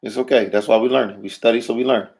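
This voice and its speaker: A man's voice: mid-range voice, steady tone, fast, creaky, a little mellow. A man teaching a language lesson to a class. He keeps checking in with "right?" and puts questions to the students. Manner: checks in often with "right?" and "all right?"; asks the class questions and waits. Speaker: Hebrew teacher.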